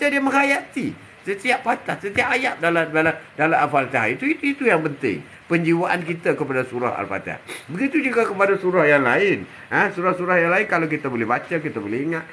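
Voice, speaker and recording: Older male religious teacher. High, bright voice that repeats phrases, fills the gaps with "ha" and draws out his recitations. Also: slight background noise. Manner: repetitive, punctuated with "ha", drawn-out Arabic recitations. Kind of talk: short Islamic sermon.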